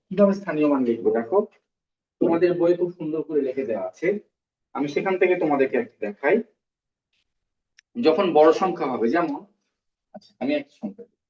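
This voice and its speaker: Here a man with a fairly high but darkish-toned voice leads a primary school math lesson in a classroom recording. Step by step, he repeats terms and tests his pupils, all captured with a roomy, distant, dull sound.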